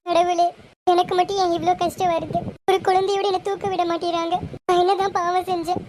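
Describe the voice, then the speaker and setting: Woman voicing a gentle long-suffering young wife. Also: extremely high pitch, little pitch movement, fairly quick, slight background noise. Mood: lamenting. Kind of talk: amateur serial voice acting.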